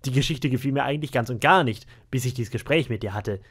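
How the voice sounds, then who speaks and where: A man's voice: medium pitch, fast, fairly bright tone, slightly rough. A man voicing an earnest young sailor who presses his questions. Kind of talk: audiobook character voice.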